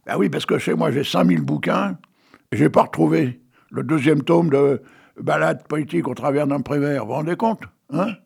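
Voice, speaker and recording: An older man with a husky voice, rambling chattily to his viewers and reading out an absurd tale he wrote, tagging his phrases with "hein". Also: a little high, normal speed, darkish tone. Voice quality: gravelly, husky voice. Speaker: amateur writer reading his own text. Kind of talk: rambling monologue with a read-aloud absurd tale.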